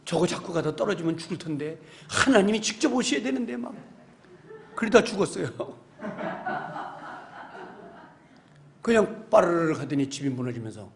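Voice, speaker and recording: A male pastor preaching a sermon in a church, telling stories with animated delivery and swelling into emphatic exhortation. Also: high-pitched, moderate pace, creaky, long pauses, slight background noise. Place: church sanctuary.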